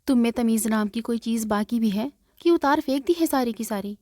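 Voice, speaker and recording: Lady reading as a strict angry big brother, scolding, warm dry voice. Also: on the high side, no room sound, lightly acted. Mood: stern. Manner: stern, scolding. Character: stern angry older brother, a man.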